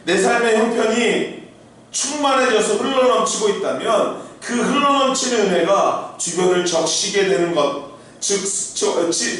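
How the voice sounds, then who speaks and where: A man's voice: high voice, fairly bright tone, a little hiss or hum. A middle-aged male pastor preaching a sermon in an earnest, conversational way, asking his listeners rhetorical questions. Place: church sanctuary. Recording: very echoey hall, heard from far off.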